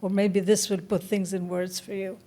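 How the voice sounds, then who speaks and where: A woman near seventy, originally from Egypt, tells her story in an interview. Her voice is soft and mellow, and her pitch sits in an ordinary middle range. She speaks slowly and thoughtfully, often pausing to find her words. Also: little pitch movement. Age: around 70. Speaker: interview guest, writer. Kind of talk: reflective interview talk.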